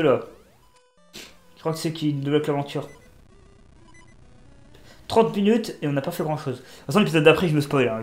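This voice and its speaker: In an echoey room, a gaming YouTuber with a cold and a voice on the high side plays through a video game. He comments casually, joking and talking both to himself and to the characters.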